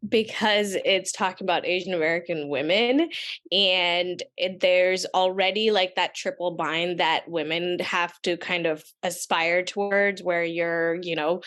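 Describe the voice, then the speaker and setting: A woman, talking on a discussion panel. Her voice sits fairly low, and she rambles casually, with plenty of "like" and "you know". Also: steady tone, unhurried, a bit bright. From Pakistan. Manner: chatty, many fillers.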